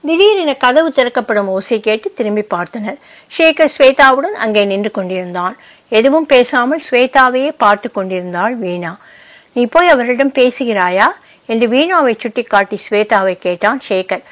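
A woman narrates a short story in a calm, measured way. Her voice sits a little high. She keeps the pace of a reader telling a tale. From United States (Boston). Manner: calm, measured storytelling, voicing the characters' lines.

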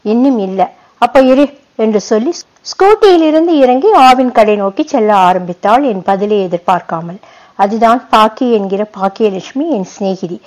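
A woman narrating a short story in a measured, even reading voice. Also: mid-range voice, rough recording. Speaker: story reader. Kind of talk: scripted narration.

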